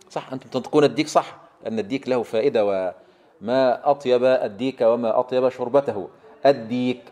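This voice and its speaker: A man teaching Quran recitation. He drills letter sounds slowly and with emphasis and asks the listener to repeat after him. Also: mid-range voice, darkish tone. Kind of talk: tajweed lesson.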